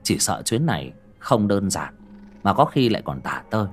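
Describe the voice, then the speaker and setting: A man voicing a calm, decisive young male ghost hunter laying out a plan. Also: lowish voice, normal speed. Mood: steady.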